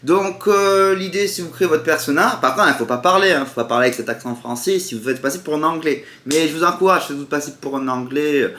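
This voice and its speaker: A man's voice: on the high side, a little fast, few pauses, bright, forceful tone, roomy sound, a little hiss or hum. A man from the south of France with a southern French accent, rambling sarcastically in a casual monologue to camera. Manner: sarcastic, rambling, jumps into mock voices. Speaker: vlogger.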